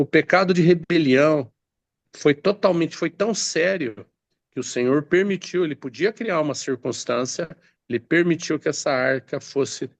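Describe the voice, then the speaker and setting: A man's voice: a little high, vocal fry, no echo. A man preaching a sermon, reading scripture aloud and explaining it with many hesitant fillers and restarts.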